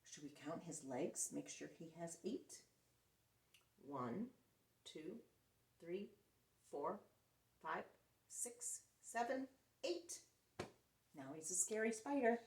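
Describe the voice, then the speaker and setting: Reading a picture book to young children, a woman with a lowish voice goes slowly with long pauses, acting out the characters with expression and putting questions to her audience. Her storytelling is captured from a distance in a roomy, echoing space.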